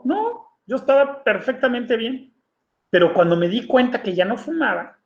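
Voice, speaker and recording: A man preaches in a relaxed, conversational way, often checking in with his listeners with a quick question. His voice sits high for a man. The sound is roomy and echoing, with a dull, lo-fi quality. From Mexico. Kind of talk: sermon testimony. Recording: echoey room, dull lo-fi sound.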